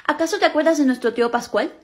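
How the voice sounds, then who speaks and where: Lady doing a sly bossy sister, highish voice, comedy skit schemer. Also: fast, lightly acted. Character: scheming, smug young sister.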